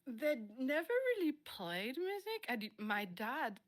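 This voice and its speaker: A woman's voice: high voice, big pitch swings, unhurried. A woman from France, a native French speaker, chatting casually in an interview about her music and laughing often as she searches for English words.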